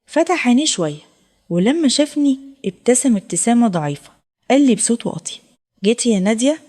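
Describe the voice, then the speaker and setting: A woman's voice: fairly high pitch, big pitch swings, fast, dark tone. A woman with an Egyptian accent narrating a heartfelt first-person story. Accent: Egyptian Arabic.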